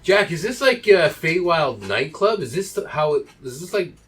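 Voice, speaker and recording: A man's voice: fairly high pitch, very animated, normal speed, fairly bright tone, slightly rough, far from the mic, soft background music. A man playing a tabletop game, bantering casually and asking questions. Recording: faint background noise.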